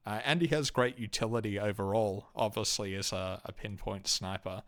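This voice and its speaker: Australian man, halting casual game commentary. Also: fairly low pitch, steady tone, fairly bright tone. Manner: halting, many ums and uhs, restarts. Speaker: YouTube host ranking game companions.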